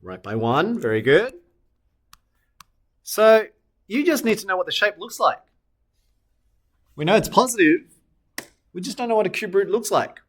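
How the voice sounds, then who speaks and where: A man's voice: sits high, big pitch swings, moderate pace, long pauses. A man teaching a recorded maths lesson, asking questions and answering them himself, correcting his sketches as he goes. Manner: talks students through steps, asks and answers own questions; self-correcting while sketching on screen.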